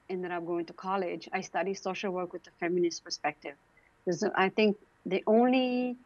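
A woman's voice: lowish voice, darkish tone, no echo. Romanian-accented woman, earnest, in dry muffled sound. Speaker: interview guest, founder and CEO. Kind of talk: conversational personal storytelling.

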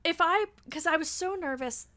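A woman in her thirties, a podcast guest in casual chat, animated, laughing often and swearing freely. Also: extremely high pitch, normal speed. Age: 30s.

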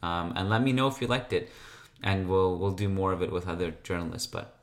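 A man's voice: deep voice, fairly even intonation, a little fast. A man hosting a sports podcast solo, talking casually in a rambling, conversational way.

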